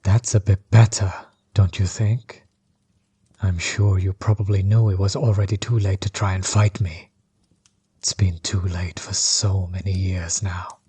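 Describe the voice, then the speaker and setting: Voiced by a man, this threatening sorcerer overlord has a deep, dark, heavily husky voice, and his lines often drop to a breathy whisper. He plays a bitter villain in an audio roleplay, measured and coldly mocking, with an amused, taunting mood. The delivery is flat and the voice exaggerated.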